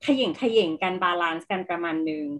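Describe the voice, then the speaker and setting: A woman as an interview guest who explains stress in a clear teaching way, asking rhetorical questions and dropping in English terms. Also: fairly low pitch, steady tone, quick pace, fairly bright tone.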